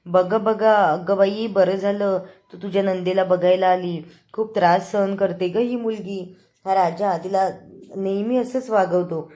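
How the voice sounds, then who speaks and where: A woman voicing a meddling aunt who loudly stirs up trouble in the family. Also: fairly low pitch, normal speed, close to an everyday voice. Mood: gossiping. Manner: loud, stirring up trouble. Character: meddling gossiping older aunt.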